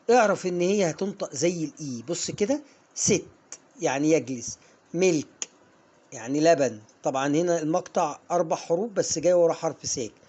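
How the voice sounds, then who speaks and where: A man's voice: a little high, warm tone. Egyptian man teaching pronunciation. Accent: Egyptian Arabic. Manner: coaxing, drills viewers, slows down to model words. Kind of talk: online lesson to camera.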